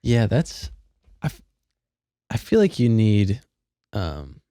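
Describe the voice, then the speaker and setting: A man's voice: fairly low pitch, huge pitch swings, slow pace, mellow, no room sound, clean studio sound. A man hosting a podcast in casual chat, laid-back, calling his guest "dude" and swearing easily. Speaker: podcast host.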